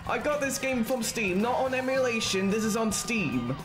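High-voiced young Scottish man. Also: lively intonation, moderate pace, over music. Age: 20s. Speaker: game streamer. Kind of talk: casual live gameplay commentary.

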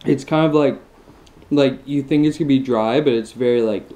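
Young guy doing a food review vlog, low mellow voice, hyped about every bite, lots of mmm. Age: 20s. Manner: enthusiastic, eating between lines with drawn-out mmm sounds. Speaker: food vlogger. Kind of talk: casual mukbang tasting review.

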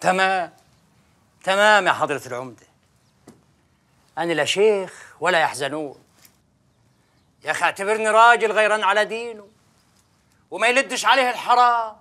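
An actor playing a stern, pious village sheikh, who speaks in an accusing tone. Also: male voice, sits high, normal speed, pauses often. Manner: stern, accusing, shouting from outside. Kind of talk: film acting.

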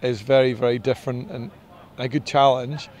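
A middle-aged man, a racing driver, answering interview questions outdoors in a paddock in a relaxed, modest way. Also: medium pitch, moderate pace. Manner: relaxed and modest, with filler ums. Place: outdoors in a race paddock beside a team truck. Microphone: interviewer's handheld mic.

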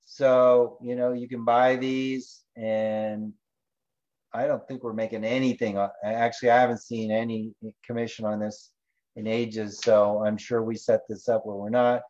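Over low-fidelity call audio, a man leads a casual screen-share training session, musing out loud in a loose, wandering way. He speaks at a measured pace in a flat, medium-pitched, slightly mellow voice.

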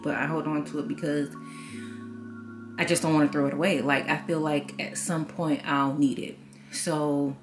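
A young woman casually walking through her apartment on camera, rambling with lots of fillers and restarts. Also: sits low. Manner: rambling, filler-heavy, self-correcting. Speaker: home vlogger. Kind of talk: casual home tour narration. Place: small apartment, indoors.

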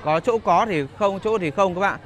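A man's voice: high-pitched, moderate pace, a bit bright. A man giving casual, hesitant walking-tour commentary as a vlog host, searching for words at an outdoor market. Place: busy outdoor market and street. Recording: noisy outdoor market ambience.

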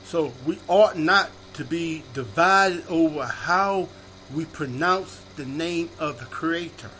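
A male minister delivering a sermon, reading scripture aloud and repeating each verse reference slowly and deliberately. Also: fairly high pitch, sharp tone.

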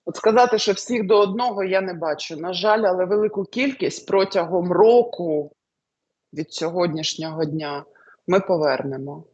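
Woman, husky-voiced and hesitant, musing aloud over predictions. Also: lowish voice, normal speed, a little mellow, muffled recording. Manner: hesitant, many fillers and trailing lists. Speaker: astrologer answering questions. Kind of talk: casual spoken predictions.

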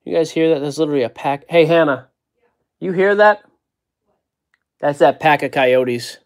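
At an indoor card-breaking table, a man hosts a break, joking casually and reading player names out of the packs as he opens them. His voice is on the high side, at a normal pace.

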